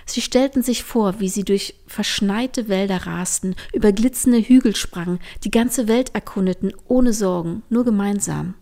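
Gentle woman reading a storybook. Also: medium pitch, normal speed, creaky, few pauses. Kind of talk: storybook narration.

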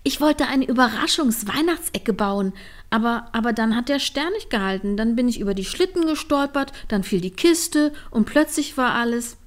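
A woman voicing a playful, chaotic young woman who is bubbly and excitable, in a storybook reading. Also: medium pitch, a little slow, gravelly. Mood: excited.

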